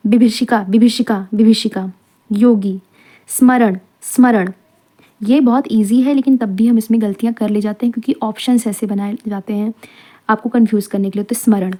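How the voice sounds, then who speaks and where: A woman's voice: medium pitch, fairly even intonation, normal speed, warm tone. A woman teaching a spelling revision lesson, saying each word several times and spelling out its letters and vowel marks.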